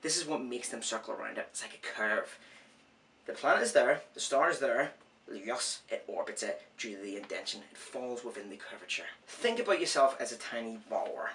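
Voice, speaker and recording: Male science host, medium pitch, says w for r, informal and self-deprecating with rambling asides, distant mic. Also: lively intonation, brisk, fairly bright tone, slight background noise. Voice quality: cannot say R clearly, says w for r. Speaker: host of an educational science series. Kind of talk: informal science explainer, part scripted, part ad-libbed.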